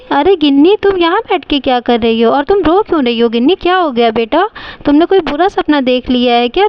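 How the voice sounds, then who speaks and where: A woman's voice: sits high, no echo, dull audio. A woman voicing a caring doll mother who fusses and coaxes her crying daughter. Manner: coaxing, fussing.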